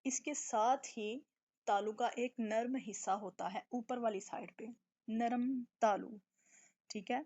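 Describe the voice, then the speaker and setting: A woman teaching recitation in a live online lesson, explaining patiently, drawing out letter sounds slowly, and often checking that her students follow. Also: a little high, a little mellow. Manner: patient, explanatory, keeps checking with a repeated question. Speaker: tajweed teacher. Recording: dull lo-fi online stream audio.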